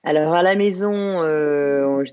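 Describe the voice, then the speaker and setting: A woman's voice: low-pitched, smooth, dry recording, lo-fi sound. Reflective woman from the Paris suburbs. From Paris suburbs, France. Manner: reflective, unhurried, many pauses and restarts. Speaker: guest. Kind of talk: podcast interview conversation.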